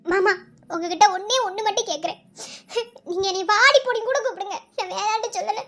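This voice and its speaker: Voiced by a performer, a defiant young cartoon daughter-in-law argues back in a Madurai Tamil accent. Her voice is very high and bright, and she talks fast. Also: slight background noise, heavily acted. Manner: defiant, pleading questions. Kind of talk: cartoon voice acting.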